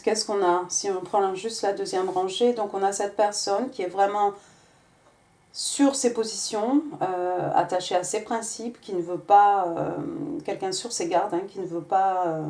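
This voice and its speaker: Woman doing a tarot reading, lots of euh and restarts, mid pitch. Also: fairly even intonation, unhurried, a little mellow. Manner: hesitant, many fillers and restarts. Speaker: tarot reader.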